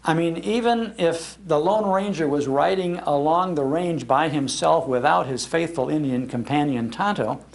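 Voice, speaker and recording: Speaking at a moderate pace with barely a pause, an older American man relives old-time radio history for a public library audience. His slightly high voice has a creaky texture, and he throws himself into acting out the quotes with nostalgic enthusiasm.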